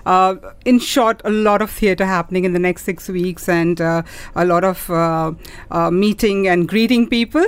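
Halting woman explaining in an interview. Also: lowish voice, clean tone. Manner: halting, hesitant phrasing with many pauses. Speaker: interview guest, theatre festival organiser. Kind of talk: conversational interview.

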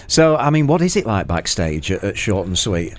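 Very animated male interviewer. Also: lowish voice, normal speed, noisy background. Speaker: host, interviewer. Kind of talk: casual radio-style interview.

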